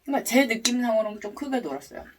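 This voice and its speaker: A woman with a husky voice telling a personal story to viewers in a casual, expressive way, acting out her reactions. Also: on the high side, racing, distant mic, crowd noise. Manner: expressive, acts out her reactions and sound effects.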